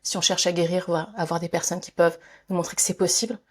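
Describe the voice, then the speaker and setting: A woman's voice: lowish voice, flat delivery, quick pace, slightly rough. A woman from France, a guest in a conversational interview, thinking aloud with many fillers, restarts and frequent laughs. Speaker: guest, author and speaker.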